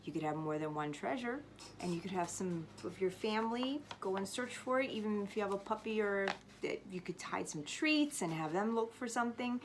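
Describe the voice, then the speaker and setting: Speaking fairly quickly and expressively at medium pitch, a woman reads a story aloud and gives a casual craft demonstration, with background noise audible. Her delivery is that of a storytime teacher explaining things step by step.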